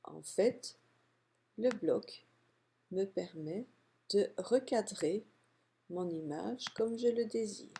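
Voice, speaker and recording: A woman calmly walking through a software tutorial step by step, narrating her clicks. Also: mid-range voice, gravelly, a little hiss or hum. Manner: calm step-by-step explaining, unhurried. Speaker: software instructor. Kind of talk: screen-recorded software tutorial.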